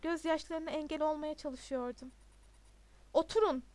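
A woman reading a novel aloud as an audiobook narrator in a steady, even way. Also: high voice, normal speed.

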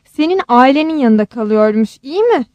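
A frantic, tearful mother shrieks high and loud in a dry, close audiobook voice, as a woman reads her. She scolds in a shrill voice that keeps breaking into sobs. Her pitch jumps all over the place. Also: expressive, moderate pace, no echo, lo-fi sound. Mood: shouting. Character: panicked sobbing middle-aged mother.

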